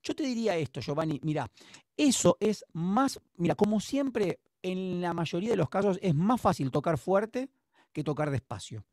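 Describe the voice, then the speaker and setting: A man's voice: high-pitched, lively intonation, normal speed, darkish tone, no echo, clean studio sound. A man teaching drums in an online class, explaining patiently and encouragingly with a Rioplatense Spanish accent over a video call. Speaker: drum teacher.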